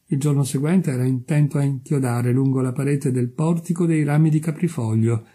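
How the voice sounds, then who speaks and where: A man reading a fairy tale aloud in a calm, measured narrating voice. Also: medium pitch, husky. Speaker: reader. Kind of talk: storybook reading.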